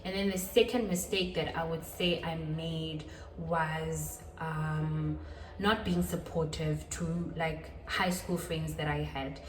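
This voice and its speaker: Woman, twenties, casual vlog chat, self-deprecating, lowish voice, somewhat distant mic. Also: steady tone, slight background noise. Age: 20s. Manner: chatty, self-deprecating, with quick laughs and repetitions. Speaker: channel host. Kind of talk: casual talking-head vlog. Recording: roomy echo, a little far from the mic.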